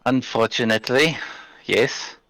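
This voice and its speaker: A man's voice: medium pitch, measured pace, gravelly, a bit bright, no echo, rough recording. A man playing a tabletop game, answering in character in a dry, matter-of-fact way. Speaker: player. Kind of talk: casual in-character tabletop play.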